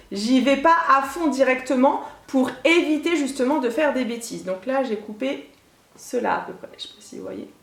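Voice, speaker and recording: Woman, beauty vlogger; high voice, casual chatty tutorial delivery; echoey room sound. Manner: chatty, addresses viewers directly, with offhand asides. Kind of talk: makeup tutorial talking to camera. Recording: roomy echo.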